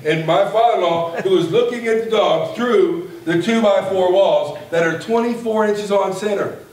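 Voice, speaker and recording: A man in his forties preaching a sermon from a pulpit in a folksy, animated way that builds to a shout. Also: sits high, moderate pace. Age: 40s. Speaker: pastor. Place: church sanctuary, at a pulpit. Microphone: far camera at the back of the room. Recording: echoey church from far off, faint hiss.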